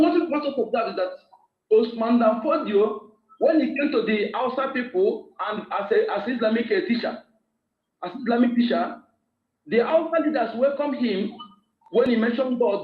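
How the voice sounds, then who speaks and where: A man, calling in over a bad phone connection played through a loudspeaker, lecturing listeners in an emphatic, repetitive way. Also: very high voice. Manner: emphatic, repetitive, urging listeners to note points. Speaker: phone-in guest speaker. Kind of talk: informal lecture to a live audience. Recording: echoey, muffled phone line over a speaker.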